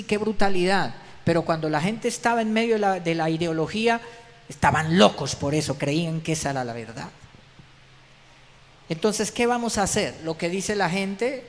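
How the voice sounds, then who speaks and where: A fairly high-pitched man delivers an emphatic sermon, pressing his congregation with rhetorical questions. His voice rings with a long church-hall reverb. A faint hiss of noise sits underneath. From Colombia. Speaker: pastor.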